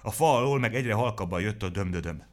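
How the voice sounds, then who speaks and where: A man reading a children's story aloud in a playful, animated way. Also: on the low side.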